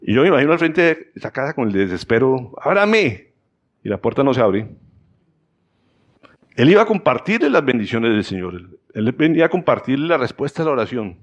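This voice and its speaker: A Colombian man preaching a Sunday sermon, retelling the story with playful acted-out voices. His voice sits in a middle pitch but swings up and down widely. He keeps checking in with the congregation as he goes. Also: brisk, highs cut off. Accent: Colombian Spanish. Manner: animated storyteller, acts out voices in high pitch, repeats "¿sí o no?". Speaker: pastor.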